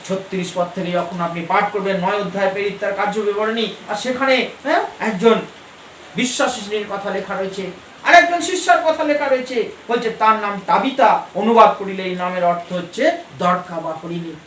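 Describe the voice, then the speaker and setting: A man with a high, ringing voice preaches with fervor, repeating his key lines with rising emphasis. His voice rings through an echoey church and reaches a mic set some distance away, with faint noise underneath. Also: moderate pace, fairly bright tone. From Bengal. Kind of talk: sermon.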